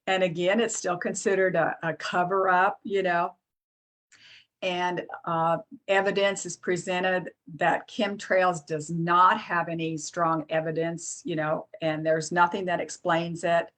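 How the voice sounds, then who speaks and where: A woman presenting a product in a casual, halting way, with many fillers and restarts, reading lists off a screen. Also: on the low side, little pitch movement, a bit bright. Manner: reads lists aloud off a screen.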